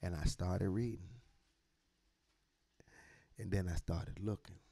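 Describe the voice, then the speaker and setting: A man's voice: sits low, fairly even intonation, takes it slowly, gravelly, warm tone, husky. A man hosting a radio show, telling a personal story in casual talk and acting out the quoted dialogue, swearing freely.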